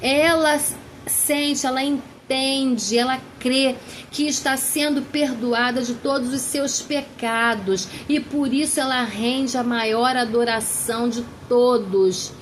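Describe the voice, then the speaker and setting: A fairly high-voiced woman teaches a theology class. She talks earnestly and draws out the words she wants to stress. A faint background hum sits under her voice. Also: fairly even intonation, low-quality recording. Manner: earnest, slows down to dwell on key words. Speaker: Bible teacher. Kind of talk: theology lecture.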